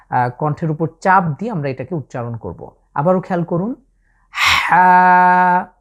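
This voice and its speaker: Drawing out every letter as she shows its Quranic Arabic pronunciation, a woman with a Bangladeshi Bengali accent teaches slowly and patiently. Her voice is deep and darkish in tone.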